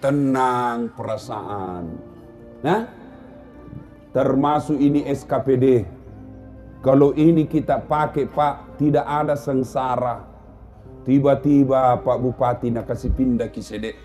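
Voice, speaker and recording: A man's voice: medium pitch, fairly even intonation, slow, long pauses, warm tone, faint music behind. A middle-aged man preaching a humorous sermon in a Makassar Indonesian accent, telling jokes and speaking straight to the audience. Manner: joking storyteller, addresses audience directly.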